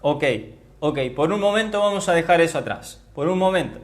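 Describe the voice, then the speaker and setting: A Bible teacher with a somewhat high voice gives an emphatic teaching sermon. He repeats key words and spells them out slowly.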